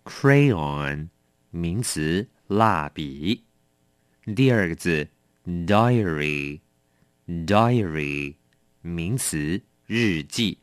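A middle-aged man teaching English vocabulary. He reads each word slowly and carefully, then speeds up when he adds warnings and asides. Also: deep voice, lively intonation, no room sound, clean studio sound. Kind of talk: explaining a word list.

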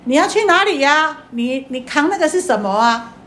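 A woman's voice: high voice, expressive, moderate pace, a bit bright, pitched above the performer's own voice. A woman voicing a shrewd old woman who sells snacks and teases with a riddle, told inside a Buddhist teaching story. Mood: teasing. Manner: teasing, challenging.

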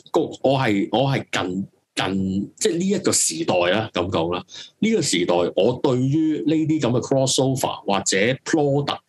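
Husky low-voiced Hong Kong Cantonese man. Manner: emphatic, rambling, repeats phrases; swears freely. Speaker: talk show host. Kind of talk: casual opinionated live-stream talk.

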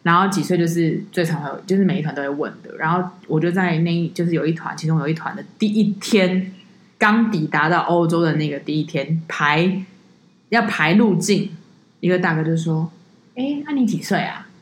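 A woman co-host tells stories about her tour-leading work in a casual podcast chat, speaking a little fast with a voice that sits low. Animated, she acts out the people she quotes, and the sound is roomy.

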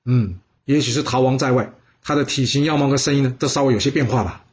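A man's voice: mid-range voice, fast talker, a little mellow, close to an everyday voice. A man voicing a fussy, doubtful male border official who muses aloud. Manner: musing, doubtful.

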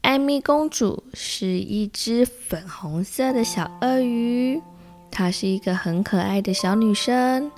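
A woman with a Taiwanese Mandarin accent reading a children's picture book aloud, slowly and gently. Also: on the high side. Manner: slow, gentle and expressive. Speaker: storyteller.

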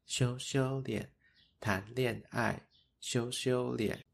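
A man voicing a group of young schoolchildren teasing two classmates in a slow, sing-song chant for a storybook tale. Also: mid-range voice, steady tone, creaky, pitched above the performer's own voice, exaggerated voice. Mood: mocking.

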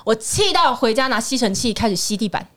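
A young woman hosting a chatty podcast, telling a story with animated voices and laughter. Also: a little high, fairly quick. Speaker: podcast host. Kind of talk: casual chat, storytelling.

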